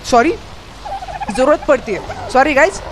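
Gamer host, male, slang, hoarse throat, unusually high pitch, excitable and repetitive, faint room hum. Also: a little slow. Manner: excitable, slangy, repeats himself. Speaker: gaming YouTuber host. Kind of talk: live gameplay commentary.

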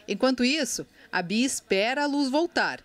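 A woman with a Brazilian Portuguese accent reading a scripted news voice-over in a measured, formal way. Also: high voice, animated. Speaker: news reporter. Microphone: studio voice-over.

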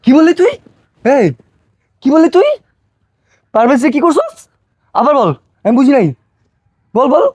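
A man playing a frantic village father, very high voice. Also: animated, normal speed, pauses often, dry recording. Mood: furious. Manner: shouting, accusing, pleading. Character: distraught village father, home after long away. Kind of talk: amateur short film drama.

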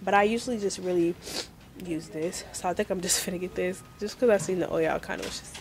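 A woman's voice: on the low side, brisk. A young woman, slightly congested, chatting casually through a shopping haul vlog full of fillers. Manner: chatty, relaxed, filler-heavy. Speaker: vlogger.

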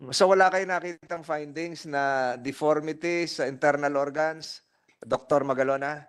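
A man's voice: a little high, fairly even intonation, normal speed, clean tone. A man chairing a hearing, probing a witness and repeating and rephrasing his questions. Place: legislative hearing room.

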